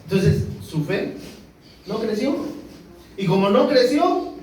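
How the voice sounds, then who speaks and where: A man with a Guatemalan Spanish accent preaching a sermon as a pastor, swinging between loud emphasis and soft asides. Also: high voice, sing-song, takes it slowly. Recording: echoey room, distant mic, noisy.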